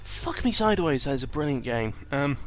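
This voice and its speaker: This gaming commentator has a medium-pitched voice and is very animated, talking fairly quickly over slight background noise. His remarks ramble casually, include swearing, and are often revised mid-stream.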